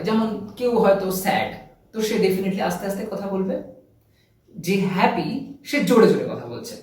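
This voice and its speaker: A man's voice: high voice, darkish tone, recorded from a distance. Male English teacher with a Bengali accent and a raised voice, set back from the mic in a very echoey room. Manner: slow, stressed English phrases mixed with quick Bengali explanations. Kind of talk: spoken English lesson on video.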